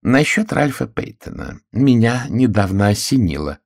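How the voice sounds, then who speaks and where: A bossy, know-it-all sister of middle age who scolds and insists on her theories, as a male audiobook narrator puts her on. The voice is pushed well above his own low register and keeps a gravelly, husky edge. It is a storybook reading in a dry, close room. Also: big pitch swings, moderate pace, a little mellow, dry recording. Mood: insistent.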